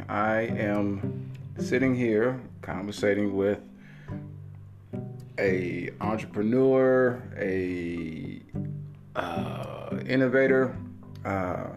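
A man hosting a casual podcast interview, talking in a halting, playful and joking way. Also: on the low side, dull audio. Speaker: podcast host.

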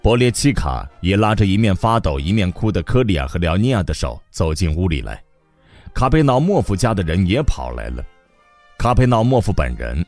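A man narrating an audiobook in an expressive storytelling manner. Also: low voice.

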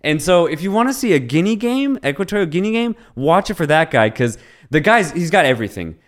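A man's voice: a little high, a little fast. A man co-hosting a casual sports podcast, telling a story with lots of laughs and swearing and acting out what people said. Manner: animated storyteller, acts out quotes, laughs often, swears. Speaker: podcast co-host.

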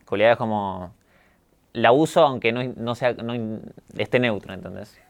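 Young Argentine male guest, neutral Argentine accent, clean smooth timbre, calm and candid. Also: fairly low pitch, normal speed, muffled recording. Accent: neutralized Argentine Spanish. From Córdoba, Argentina. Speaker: guest, YouTuber. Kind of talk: casual interview talk.

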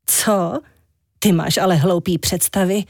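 A woman reading a children's story, voicing a vain, chatty young woman with a high, flighty voice. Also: fairly even intonation, gravelly, a little mellow, dry recording, studio quality.

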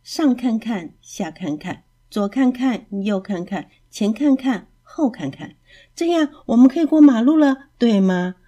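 A woman's voice: a little high, lively intonation, measured pace, warm tone, muffled recording, pitched above the performer's own voice. A woman voicing an eager, cheerful young dog in a storybook. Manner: eager, musing.

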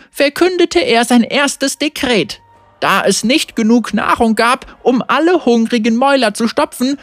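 Expressive woman narrating a storybook. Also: a little high, no room sound.

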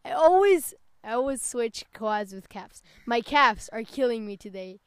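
A woman's voice: fairly high pitch, lively intonation, measured pace, smooth, no echo. Young woman, casual podcast chat, rambling, lots of fillers, dry close sound. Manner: rambling, lots of "like", self-correcting. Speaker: podcast co-host.

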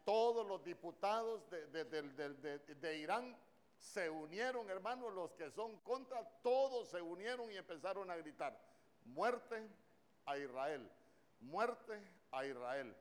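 Fervent male preacher, rising pitch. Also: moderate pace. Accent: Honduran Spanish. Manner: animated, questioning the congregation. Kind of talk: sermon. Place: church.

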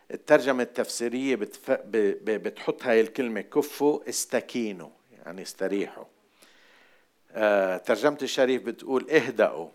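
A man with a Jordanian accent preaching a sermon, shifting between hushed, repeated asides and loud, emphatic lines. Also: mid-range voice. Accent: Jordanian Arabic. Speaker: pastor.

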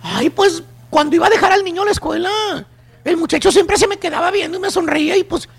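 A man's voice: extremely high pitch, quick pace, vocal fry. A man voicing a melodramatic young married woman, confessing to her friend in a whiny, tearful way. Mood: confiding.

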